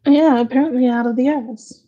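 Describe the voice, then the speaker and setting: A woman chatting casually beside a streamer, rambling and teasing in a relaxed way. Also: sits high, fairly quick, highs cut off. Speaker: family member on stream. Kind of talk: casual chat.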